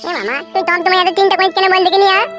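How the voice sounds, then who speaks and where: A woman acts a brash, rude part in a comic family sketch. Her voice is high and she fires off lines fast. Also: music in the background.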